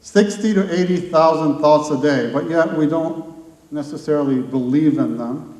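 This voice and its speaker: Captured from far off in an echoing large hall, a man gives a live conference talk full of rhetorical questions and long repeated lists. His voice is a little high and slightly mellow.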